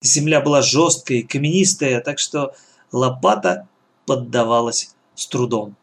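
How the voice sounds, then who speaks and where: A man's voice: medium pitch, fairly even intonation, a little slow. A man reading a children's adventure story aloud as the narrator. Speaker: audiobook reader.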